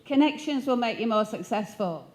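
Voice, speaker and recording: A woman's voice: fairly high pitch, expressive, moderate pace, a little mellow. A woman in her fifties from Sheffield, giving a keynote talk on stage into a handheld mic and quizzing the audience with questions. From Sheffield, northern England. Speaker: motivational speaker. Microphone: handheld microphone.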